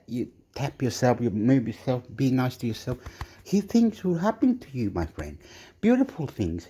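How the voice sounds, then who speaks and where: A man's voice: mid-range voice, dark tone, slightly rough. A man from southern Chile with a Chilean accent, chatting loosely through a home cooking vlog, rambling and mixing English with Spanish. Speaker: cooking vlogger. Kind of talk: casual cooking vlog with pep talk. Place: home kitchen.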